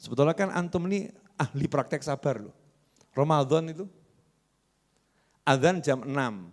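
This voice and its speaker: A man with a Javanese accent preaching a sermon in a mosque, lively and quizzing the congregation. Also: on the high side, normal speed. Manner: lively, asks the congregation questions.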